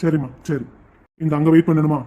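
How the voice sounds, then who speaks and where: A man's voice: fairly high pitch, steady tone, fairly quick, dark tone, natural voice. A man voicing a persistent middle-aged visitor who keeps pleading. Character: insistent middle-aged man pressing for information.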